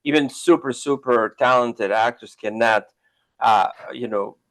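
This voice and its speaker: A man hosting a podcast interview, speaking in halting phrases with many restarts and fillers. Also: mid-range voice, a bit bright, poor audio. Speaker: podcast host. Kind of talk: interview chat.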